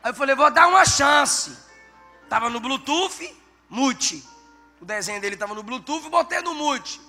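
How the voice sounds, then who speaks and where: A man, a pastor, preaching a sermon with animated storytelling and bursts of shouted emphasis. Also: extremely high pitch, moderate pace. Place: church. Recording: church hall reverb, faint background music.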